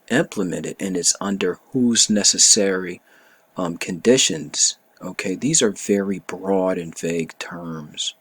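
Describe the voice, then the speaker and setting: A man's voice: low-pitched, fairly bright tone, slightly rough. A man reading a bill aloud and commenting on it in casual, emphatic opinion talk, often repeating and rereading phrases.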